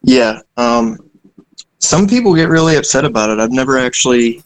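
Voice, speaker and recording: This young indie game developer speaks at normal speed in a mid-range voice with lively intonation. His casual talk wanders, full of fillers, asides, and self-deprecating remarks, and the recording quality is low.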